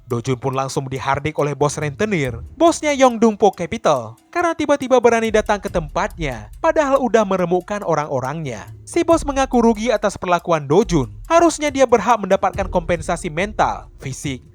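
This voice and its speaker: A man narrating a comic story recap in dramatic, colloquial storytelling. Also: high voice.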